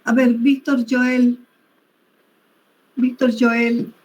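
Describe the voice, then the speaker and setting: A woman's voice: on the high side, flat delivery, very slow, low-quality recording. A woman teacher running an online class, calling on students by name and correcting how they use terms.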